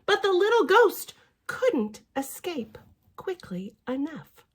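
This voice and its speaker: A library storyteller with a very high-pitched voice reads a picture book slowly to young children. Her style is theatrical and expressive, and she drops in chatty asides.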